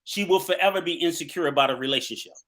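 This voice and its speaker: Emphatic male guest, slightly high voice, argues his case, shifts pace for stress. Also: a bit bright. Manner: emphatic, argumentative, speeds up and slows down. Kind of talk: livestream discussion.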